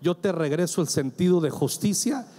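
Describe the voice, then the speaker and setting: A man's voice: a little high, expressive, moderate pace, warm tone. A man preaching a sermon as a pastor, emphatic and calling on the congregation to answer him. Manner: emphatic, acts out quoted dialogue, asks congregation to answer. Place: church with congregation.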